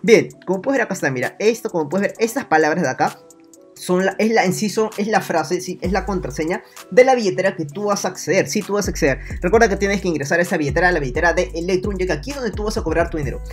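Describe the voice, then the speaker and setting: A man's voice: sits high, quick pace, faint music behind. A man talking straight to the viewer in a screen-recorded tutorial, repeating himself a lot and voicing the viewer's questions. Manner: repetitive, talks to viewer directly; voices imagined viewer questions. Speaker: online money-making youtuber.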